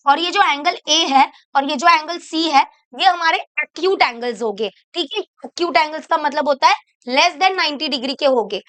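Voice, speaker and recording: Bright high-voiced woman teaching maths. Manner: mixes Hindi with English terms, asks students to repeat. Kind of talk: board exam maths lesson.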